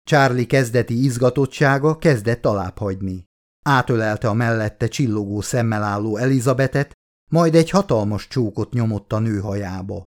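A man reading his own audiobook from Hungary in a steady narrating voice, acting out the dialogue with lively lifts. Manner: acts out crew dialogue with raised pitch and excitement.

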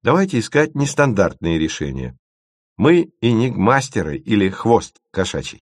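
A man's voice: lowish voice, big pitch swings, normal speed, no echo, clean studio sound, voice pushed up. A man reading an audiobook voices a thoughtful young girl who leads her team. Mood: earnest. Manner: earnest, thoughtful.

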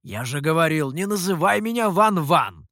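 A hot-headed monkey lord, put on by an audiobook reader insists and boasts in a loud, pompous voice. The pitch swings widely. The recording is close and dry. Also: male voice, lively intonation, normal speed, dry recording.

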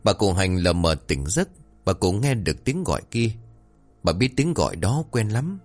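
A man's voice: fairly low pitch, big pitch swings, moderate pace, faint music behind. A man narrating a scripted ghost story in a dramatic, suspenseful way.

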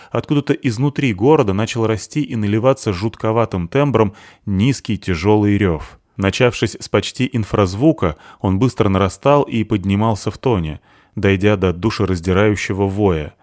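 A man reading a novel aloud as a steady audiobook narrator. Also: lowish voice, no echo, clean studio sound.

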